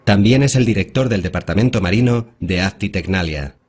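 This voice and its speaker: A man reading scripted documentary narration in an even, composed delivery. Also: low voice, fairly quick, breathy edge, lo-fi sound.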